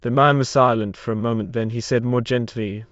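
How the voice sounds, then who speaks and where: A man reading an old romance novel aloud in even, measured narration. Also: mid-range voice, no echo. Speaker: story reader. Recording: slightly dull dry recording.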